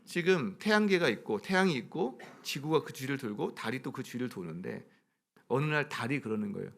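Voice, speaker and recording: A man's voice: mid-range voice, expressive, brisk, creaky, fairly bright tone. A man preaching a sermon as pastor in a church. He talks conversationally and keeps putting questions to the congregation. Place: church sanctuary.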